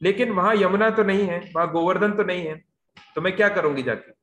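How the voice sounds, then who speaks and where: A man's voice: high-pitched, fairly quick, fairly bright tone. A man voicing a divine young goddess, devoted and firm, telling the story in an earnest, pleading tone over an echoey video call.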